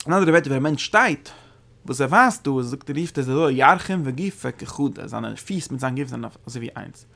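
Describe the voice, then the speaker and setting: A man's voice: medium pitch, expressive, fairly quick, creaky, a bit bright. A man giving a religious study lecture as a Torah teacher. He halts often, repeats words and restarts phrases, and his voice jumps up when he stresses a point. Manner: sudden emphatic rises when stressing a point.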